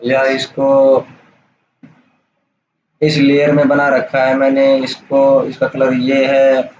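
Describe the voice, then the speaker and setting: A man giving a casual, step-by-step software tutorial over a screen recording, checking in often with the listener. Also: medium pitch. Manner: casual, explains step by step with "theek hai" checks. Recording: roomy, dull lo-fi sound with faint hiss.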